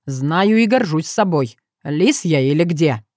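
A woman's voice: low-pitched, expressive, unhurried, a little mellow, no room sound. Female reader as a smug storybook fox, teasing and sly, dry close sound. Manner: sly, teasing, self-satisfied.

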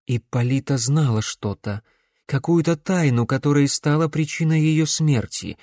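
A man reading an audiobook, voicing a stern middle-aged woman necromancer who speaks in a measured, insistent way. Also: a little high, darkish tone, dry recording, clean studio sound, voice pushed up, lightly acted.

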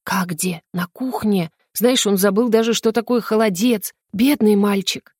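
A woman voicing a fussy, doting older mother who talks in a sugary, drawn-out way and scolds gently. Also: fairly high pitch, animated, no room sound, studio quality, pitched above the performer's own voice, close to an everyday voice. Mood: reproachful. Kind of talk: audiobook character voice.

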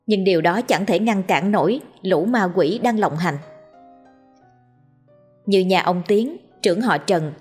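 Breathy woman narrating a ghost story. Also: medium pitch, measured pace, long pauses, a little mellow, faint music behind.

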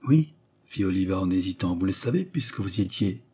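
A man reading aloud and voicing a naive young woman who speaks hesitantly and fearfully, often hushed. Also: sits low, lively intonation, brisk, breathy edge.

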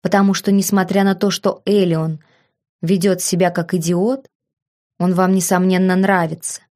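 A woman reading the lines of a calm, gallant young marquis who teases lightly, in an audiobook. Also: lowish voice, moderate pace, lightly acted. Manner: calm, courteous, lightly amused.

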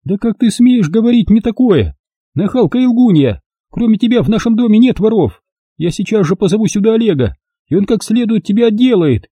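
A man's voice: high voice, sing-song, fairly quick, warm tone, breathy edge, no echo, voice pushed up, heavily acted. A man reading an audiobook, voicing a harsh, scornful middle-aged woman who scolds coarsely.

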